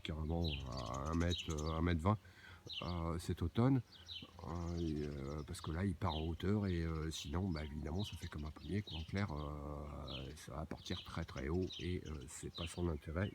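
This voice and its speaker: A man's voice: low voice, noisy background. A man giving a casual, hesitant walking tour of his own garden outdoors, with many fillers and restarts.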